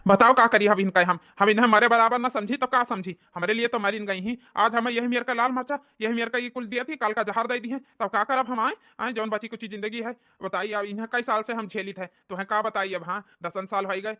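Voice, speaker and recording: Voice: mid-range voice, fairly even intonation, brisk, hardly any pauses, pushed and bright, no echo, studio quality, lightly acted. Voice actor doing a grumbling old village husband. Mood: complaining. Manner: complaining, plaintive. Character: aggrieved old village husband, self-pitying. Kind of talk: cartoon comedy voice acting.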